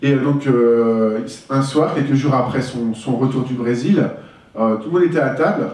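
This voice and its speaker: A man's voice: mid-range voice, normal speed, darkish tone. A man giving a candid, reflective talk about his own life, telling it as a personal testimony. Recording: echoey room, voice from far off.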